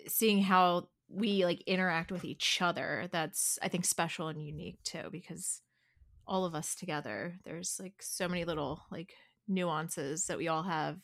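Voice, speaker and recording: A woman's voice: fairly low pitch, steady tone, normal speed, creaky, fairly bright tone. A woman from the Philadelphia suburbs with a Delco accent, chatting casually and candidly as a podcast co-host. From suburbs of Philadelphia, United States.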